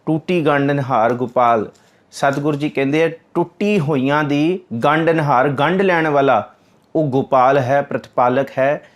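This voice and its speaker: A man giving a religious discourse on scripture, explaining patiently and repeating key words, reciting verses slowly in a sing-song way. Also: a little high. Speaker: Sikh scripture teacher.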